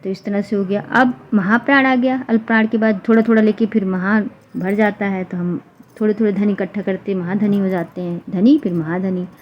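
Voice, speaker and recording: A woman teacher explaining a grammar lesson for exam students, repeating example sounds slowly one by one. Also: mid-range voice, fairly even intonation. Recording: dull lo-fi recording with faint noise.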